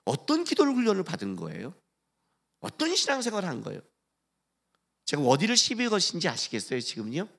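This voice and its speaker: Man, pastor, sermon, high bright voice, acts out quoted lines. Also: fairly quick, vocal fry, long pauses, breathy edge. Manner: animated preaching, acting out quoted voices and rhetorical questions. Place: church sanctuary.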